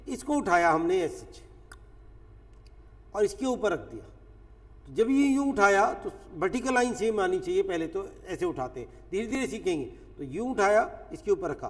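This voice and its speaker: A man teaching chemistry in a lecture, explaining step by step with everyday examples. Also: high-pitched. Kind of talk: classroom lecture. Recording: echoey classroom, voice from a distance.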